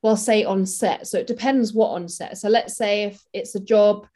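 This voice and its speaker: A woman's voice: mid-range voice, steady tone, moderate pace, mellow. Chatty woman makeup artist. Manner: chatty, practical, many fillers. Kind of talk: casual interview chat.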